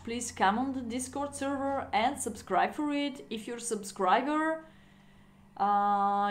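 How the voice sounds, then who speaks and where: A chatty woman with a medium-pitched voice, a chess streamer whose first language is Bulgarian, gives casual live-stream commentary from a room at home. She laughs often and uses non-native phrasing.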